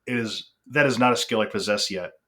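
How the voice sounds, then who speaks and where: A man's voice: lowish voice, brisk, bright, forceful tone. A man in a casual podcast conversation, talking in an earnest, reflective way.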